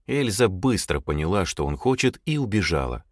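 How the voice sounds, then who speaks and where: A man narrating an audiobook in an expressive, lively way. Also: deep voice, moderate pace, no room sound, studio quality. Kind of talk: audiobook reading.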